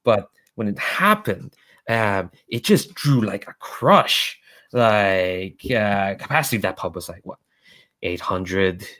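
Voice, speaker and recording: A harried goddess of rumor from a tabletop game, acted out by a man. The voice sits fairly low and talks in casual, gossipy fragments, with weary sighs and hesitations. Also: expressive, takes it slowly, pushed and bright, exaggerated voice. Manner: sighing, hesitant, colloquial.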